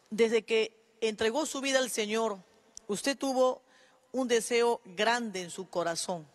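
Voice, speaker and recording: Slow-spoken interviewer. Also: medium pitch. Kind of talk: religious program interview.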